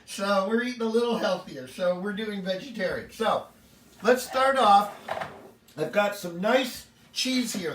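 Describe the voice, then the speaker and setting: A man talks through a home cooking demonstration in a friendly, joking way. His voice sits fairly high for a man. He is picked up from some distance in an echoey home kitchen with a faint hum of noise behind him. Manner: chatty and upbeat, jokes with the camera operator. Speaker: home cooking show host.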